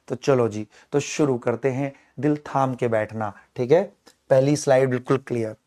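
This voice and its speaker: A man teaching chemistry in a playful online lecture, staging mock dialogues with his students and slowing down to dictate English phrases word by word. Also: a little high, a little mellow.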